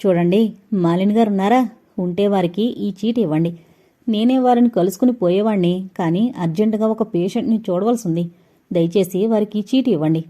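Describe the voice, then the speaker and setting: A woman voicing a calm young male doctor who teases good-humouredly. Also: mid-range voice, moderate pace, close to an everyday voice. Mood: teasing.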